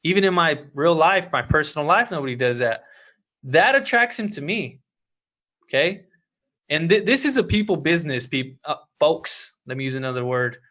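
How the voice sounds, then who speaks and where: A man with a fairly high, very bright voice leads a sales coaching talk for his team. He talks in an emphatic, energetic way and keeps coming back to "look" and "okay". His tone is forceful and driven. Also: moderate pace. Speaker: team leader coaching members.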